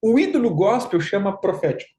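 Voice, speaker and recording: Emphatic pastor in an echoey room. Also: male voice, high voice, big pitch swings, brisk, darkish tone. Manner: emphatic, repeats phrases, mocks with put-on quotes. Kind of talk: conversational sermon. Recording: roomy echo.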